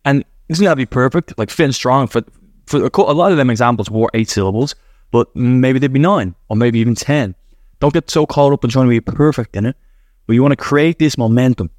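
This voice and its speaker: Male podcast host, mid-pitched, energetic motivational coach, dry close-mic sound. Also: a little fast, no room sound. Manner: energetic, rhythmic chanting of affirmations. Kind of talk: motivational breathing guidance. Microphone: podcast microphone.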